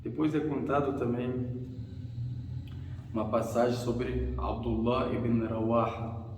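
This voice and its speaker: A man delivers an earnest, storytelling sermon, repeating phrases and acting out short quoted lines. His voice sits at an ordinary pitch. It rings through a large reverberant hall, picked up from well away from the mic. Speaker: preacher. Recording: echoey hall, far from the mic.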